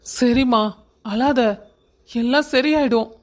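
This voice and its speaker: A woman voices a tender young husband in a cartoon, gently reassuring. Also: extremely high pitch, steady tone, slow. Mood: soothing. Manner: soothing, affectionate. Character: loving young husband, soothing.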